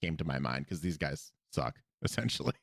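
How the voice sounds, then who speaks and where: A man co-hosting a podcast, recapping an episode in animated casual chat and laughing often. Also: extremely low pitch, brisk, vocal fry, dry recording, clean studio sound. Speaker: podcast co-host. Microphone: podcast microphone.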